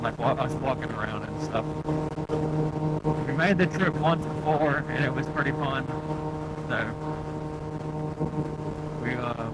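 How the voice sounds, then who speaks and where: A man vlogging from a moving motorcycle on a helmet mic, talking in a loose, halting, think-aloud way with wind on the mic. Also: on the high side. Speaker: motovlogger narrating a ride. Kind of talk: casual rambling vlog chat. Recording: loud engine and wind noise on mic.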